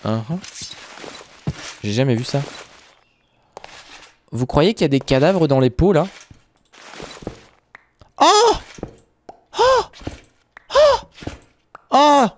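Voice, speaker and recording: A young man talks his viewers through a survival game in a loose, chatty way, calling them his friends. His pitch sits in the middle but swings widely, jumping into high exclamations. Faint noise sits under the voice. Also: lively intonation, darkish tone. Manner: jumps into high exclamations and drawn-out words. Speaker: gaming video host. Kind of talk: casual Minecraft let's play commentary.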